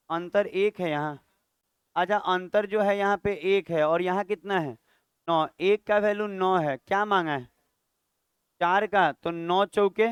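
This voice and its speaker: Maths teacher guy lecturing a class, high voice, super clear and dry, keeps scolding the kids. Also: no room sound. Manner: scolding, chatty teacher who quizzes students aloud.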